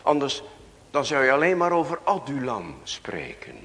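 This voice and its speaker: A man's voice: medium pitch, wildly swooping pitch, normal speed, a bit bright, big-room sound. A Dutch man preaching a sermon as pastor, reading scripture aloud and putting questions to the congregation.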